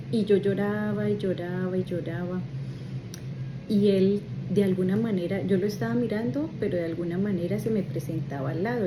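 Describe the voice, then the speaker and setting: A middle-aged woman, a grief coach softly and reflectively telling her personal story. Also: mid-range voice, noisy background. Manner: soft, reflective, heartfelt.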